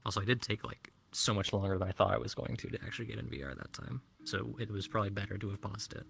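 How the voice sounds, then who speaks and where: A man's voice: lowish voice, fast, vocal fry, a bit bright. A man streaming and chatting casually, laid-back and swearing freely. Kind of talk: casual chat. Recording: music playing behind.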